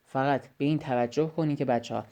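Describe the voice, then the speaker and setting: A man's voice: medium pitch, steady tone, warm tone. A young man recording a voice-message biology lesson, explaining step by step, repeating key phrases and talking straight to his students. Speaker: biology study tutor.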